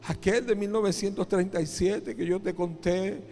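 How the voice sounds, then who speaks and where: A man's voice: high-pitched, steady tone, moderate pace, warm tone, in a large hall, a little hiss or hum, pitched above the performer's own voice. A man voicing a remorseful old man who tearfully begs God for forgiveness, in a sermon story. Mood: anxious pleading. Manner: pleading, tearful confessions.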